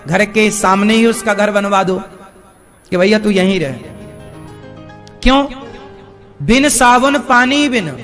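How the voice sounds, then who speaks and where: A male spiritual preacher giving a live devotional discourse, animated, questioning his audience and acting out voices. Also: high-pitched.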